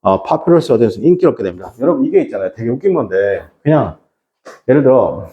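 A middle-aged man teaching an English reading class to high school students, often asking rhetorical questions. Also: sing-song, fast, lo-fi sound. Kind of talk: classroom lecture.

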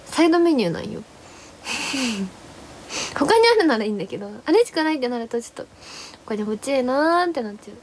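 A young woman hosts a casual livestream and chats in a rambling way, breaking off to greet her viewers. Her voice sits a little high and swings widely in pitch. A faint noise runs under the recording. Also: very animated, fast talker. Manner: rambling, chatty, greets viewers, refers to herself in third person. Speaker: livestream host.

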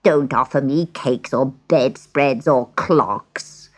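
A woman voicing a sly old witch disguised as a peddler, croaking and drawn out, in a storybook reading. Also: rumbling low, takes it slowly, pitched below the performer's own voice, full character voice.

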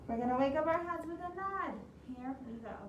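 With a high voice and a slightly fast pace, a young woman guides small children through storytime songs and read-alouds, keeping her instructions simple and lively. A face mask muffles her a bit, and the distant camera in the large-windowed library room picks up roomy sound and clear background noise.

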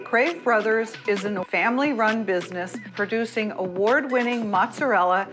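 Speaking at a moderate pace in a mid-range voice, a middle-aged woman hosts a home-kitchen cooking demonstration, explaining every step in a friendly, instructive way as a music bed runs beneath.

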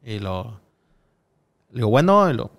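A podcast guest, a man, talks in a smooth, clear voice at a middling pitch. He rambles through anecdotes, pausing on fillers and acting out what others said. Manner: rambling storyteller, frequent hesitations and acted-out quotes. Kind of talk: casual podcast conversation.

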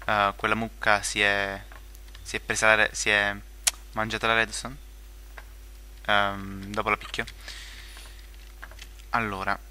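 A man's voice: fairly low pitch, completely flat delivery, measured pace, long pauses, sharp tone, a little hiss or hum. A young man giving casual gameplay commentary, rambling with many fillers, restarts and joking asides. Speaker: gaming video creator.

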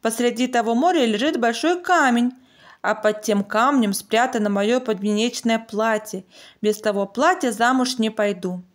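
A woman storyteller plays a young princess from a storybook. Her voice is fairly high, and she is demanding and insistent. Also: normal speed, close to an everyday voice. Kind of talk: storybook narration in character.

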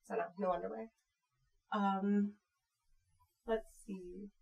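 Her mid-range voice is fairly even, slow, creaky and darkish, and the recording has its highs cut off. She's an American channel performer in her twenties reading viewer comments at her computer desk in a small home room, chatting in a playful, frank, slightly crude vlog style.

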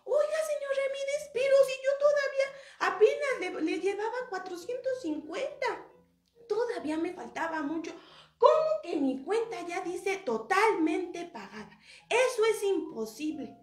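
An eager, breathless young boy, as a woman puts him on. He exclaims in a high, bouncy voice. The room echoes, and faint music plays behind him. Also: animated, slow pace, a little mellow. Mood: astonished. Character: excited young boy paying off a debt.

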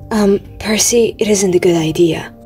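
A woman voicing a young male satyr who is anxious and guilty, speaking softly and sniffling apologetically. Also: mid-range voice, normal speed, faint music behind, lightly acted.

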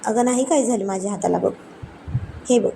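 Woman narrator doing a soft, coaxing young husband with a mellow voice; storybook read-aloud. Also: medium pitch, brisk, vocal fry, slight background noise, lightly acted. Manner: coaxing, pleading softly. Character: affectionate teasing young husband.

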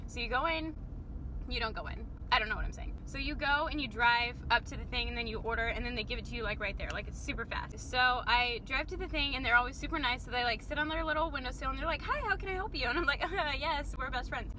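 A woman's voice: sits high, fast talker, sharp tone, low-quality recording. A young woman vlogging from inside her car at night, telling rambling stories in a chatty way full of fillers and asides. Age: young adult. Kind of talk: casual storytelling vlog. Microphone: phone camera mounted near the steering wheel. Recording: road and street noise behind the voice.

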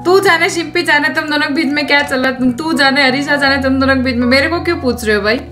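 Teasing high-voiced woman gamer host. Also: bright, forceful tone, soft background music. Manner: teasing, laughing, quick banter. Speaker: gaming channel host. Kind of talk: casual game voice chat.

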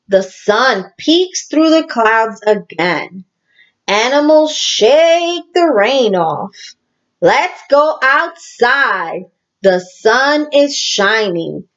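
Her voice is slightly high as this woman teacher performs a picture book for small children, with careful, lively storytelling and little remarks directed at her audience. The audio has its high frequencies cut off.

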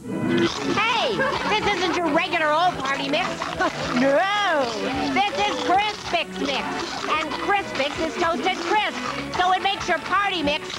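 A woman with a very high voice delivers a chirpy sales pitch at an unhurried pace. Her voice is distant and taped off an old broadcast. Loud music plays under her. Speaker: commercial announcer. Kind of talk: upbeat ad read.

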